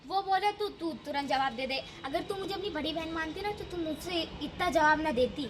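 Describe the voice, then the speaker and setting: A woman with a very high voice, lecturing and arguing in a homemade comedy skit. Noise hangs behind her recording. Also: brisk. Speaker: elder daughter-in-law in skit.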